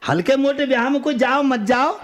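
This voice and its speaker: High-voiced rustic male folk storyteller. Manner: lively dialect narration, breaking into drawn-out song. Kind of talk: rural folk tale telling with sung refrains.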